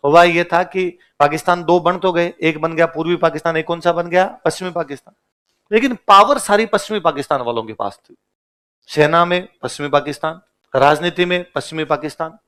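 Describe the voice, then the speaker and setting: A man lecturing a class in a slightly high-pitched voice. He tells history in easy everyday words, stopping often to ask the class a question and then answering it himself. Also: fairly quick, a bit bright. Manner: casual, colloquial storytelling. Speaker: history teacher.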